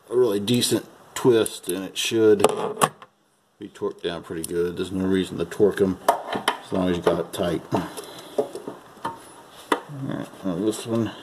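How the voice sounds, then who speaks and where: An amateur mechanic with a low voice gives an unscripted repair demo at a car's open engine bay, chatting folksily as he works and calling the parts "her." Background noise is audible.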